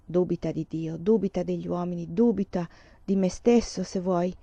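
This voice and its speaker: A woman's voice: lowish voice, fairly even intonation, normal speed, warm tone, dry recording, dull audio. Woman reading as an impassioned, pleading young man. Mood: imploring.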